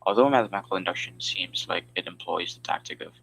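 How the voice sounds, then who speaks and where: A man's voice: low-pitched, fast talker, vocal fry, fairly bright tone, a little hiss or hum, poor audio. A man giving a class presentation over a video call, explaining step by step with frequent fillers. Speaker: student presenter.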